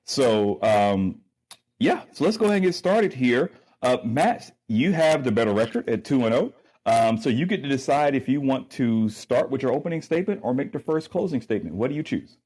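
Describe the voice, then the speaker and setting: A man's voice: medium pitch, expressive, moderate pace, darkish tone, slightly rough. A man hosting and moderating a sports debate show, easygoing and full of ums. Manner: easygoing, filler-heavy moderator.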